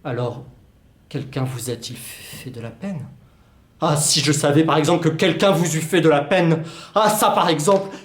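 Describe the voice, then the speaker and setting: A man's voice: fairly high pitch, moderate pace, natural voice. A young man playing an anxious male lover who stammers and repeats himself as he pleads. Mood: pleading. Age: young adult. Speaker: student actor. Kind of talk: solo stage reading of a play. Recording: roomy echo.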